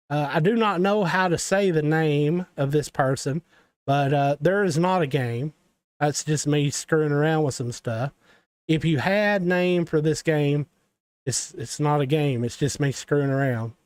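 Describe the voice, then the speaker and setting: Southern guy kinda high voice, chatty game dev tutorial stream, rambles and jokes at himself. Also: a little mellow, clear, resonant tone, dry recording. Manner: rambling, talks to viewers, self-deprecating asides. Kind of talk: casual livestream tutorial.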